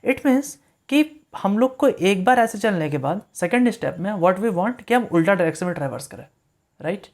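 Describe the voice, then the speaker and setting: A man's voice: high voice, lively intonation, normal speed. Man explaining code step by step. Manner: repeats steps, checks in with frequent "right?"; mixes English words into Hindi. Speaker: coding tutor. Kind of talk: whiteboard coding lecture.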